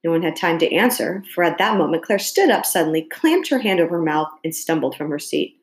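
A woman narrates an audiobook in calm, measured first person. Her voice sits low, and the reading rings in an echoey room.

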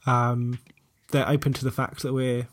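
A man's voice: mid-range voice, flat delivery, moderate pace. A man with a southern English accent, hosting a podcast in a casual, reflective and self-deprecating way. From Portsmouth, south coast of England. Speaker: podcast host. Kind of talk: casual chat.

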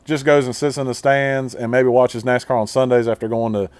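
A man hosting a podcast, asking long, relaxed conversational questions. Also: medium pitch, a little fast, no room sound. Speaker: podcast host. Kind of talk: casual interview questions.

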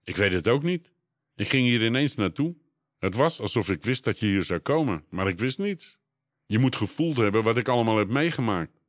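A man voicing a lively, excitable young girl in a storybook reading, lifting his voice higher and speaking with urgent brightness. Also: normal speed, no echo, studio quality, natural voice. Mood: puzzled.

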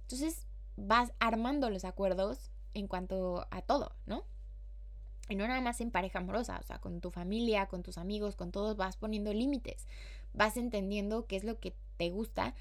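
At a normal speed and in a mid-range voice, a woman hosts a podcast with a Mexican accent. She's chatty and slangy, casual throughout, and acts out quotes playfully.

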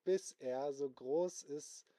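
A man improvising a bedtime story for children, gently and slowly, with sound effects along the way. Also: a little high, no echo.

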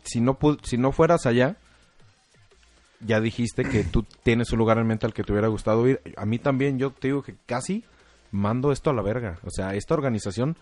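A man's voice: medium pitch, brisk, a little mellow, no room sound, soft background music. A man with a Mexican Spanish accent, co-hosting a podcast, telling profane jokes and stories in casual banter. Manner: profane, joking, storytelling. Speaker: podcast co-host.

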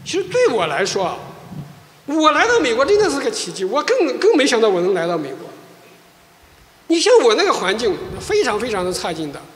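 A male pastor, sharing an animated personal testimony in a sermon, often restarting his sentences. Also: extremely high pitch, fairly quick. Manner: animated storytelling, frequent restarts. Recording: echoey church hall.

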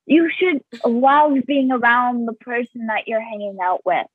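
A high-pitched, husky woman rambles earnestly through a casual podcast chat. She often breaks off and restarts her thoughts. Her voice is dry and thin, as if heard over a phone. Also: animated, a little slow, no room sound. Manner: earnest, rambling, self-interrupting. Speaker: podcast co-host. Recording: tinny phone-like sound, dry.

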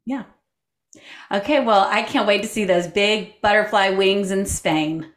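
A woman co-hosting a podcast, talking in an upbeat way and quick to laugh. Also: medium pitch. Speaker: podcast co-host. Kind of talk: casual heartfelt conversation. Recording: echoey room with faint music.

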